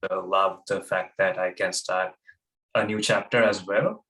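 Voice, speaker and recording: A young man talks as a guest on a casual interview podcast. His voice sits a little low. He hesitates often and fills gaps with pauses. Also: fairly even intonation, bright, forceful tone. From Sri Lanka. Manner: hesitant, many fillers.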